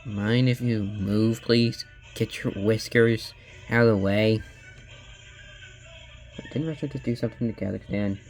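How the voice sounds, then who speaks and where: A man reacting to a video with sarcastic, bickering, deadpan asides. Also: fairly low pitch, unhurried, pauses often, soft background music. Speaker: video reactor voicing a cast of characters.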